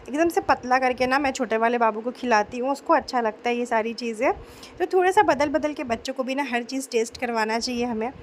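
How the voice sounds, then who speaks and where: Young female home vlogger, sore throat, gentle chatty voice-over, faint background hiss. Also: high voice. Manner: chatty, homely, mixes in English words. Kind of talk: casual voice-over narration.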